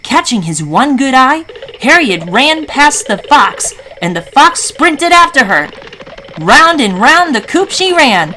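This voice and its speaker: A woman storyteller narrating a scripted children's story in an animated, dramatic style. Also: high-pitched, slow, rough recording. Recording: faint background noise.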